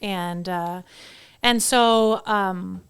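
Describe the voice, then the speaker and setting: Middle-aged woman guest on a podcast, chatty and upbeat, smooth clear voice, dry sound. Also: mid-range voice, extremely slow, no echo. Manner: chatty, upbeat storyteller who acts out quotes. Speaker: podcast guest, headshot photographer. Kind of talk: casual podcast conversation.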